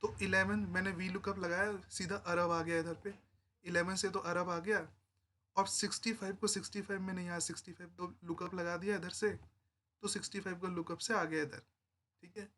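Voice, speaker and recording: A man's voice: high voice, flat delivery, fairly quick, pushed and bright. A man giving a casual, conversational Excel tutorial, explaining step by step and often checking in with the viewer. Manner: informal, conversational teaching. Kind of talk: spreadsheet tutorial narration.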